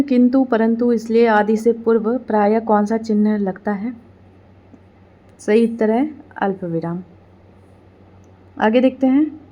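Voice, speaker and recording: A woman steadily reads out exam-preparation quiz questions, following each with its answer in the same formulaic pattern. Her voice sits a little high, yet its tone stays soft and mellow. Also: lo-fi sound.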